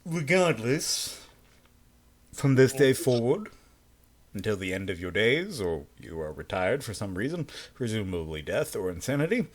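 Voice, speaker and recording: A man voicing a stern, bureaucratic male interrogator in a tabletop game, with a formal, dryly sardonic address. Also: medium pitch. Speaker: game master.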